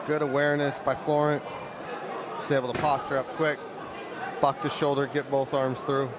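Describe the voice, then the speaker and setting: A man of average pitch breaks down a fight as co-commentator, in a conversational, technical way. Crowd sound and clear noise run behind him. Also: little pitch movement, moderate pace. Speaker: analyst co-commentator. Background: arena crowd.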